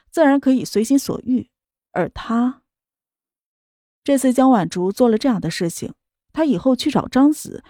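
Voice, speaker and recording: A woman narrating a romance novel as an audiobook in a steady storytelling manner. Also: on the high side, no echo, studio quality.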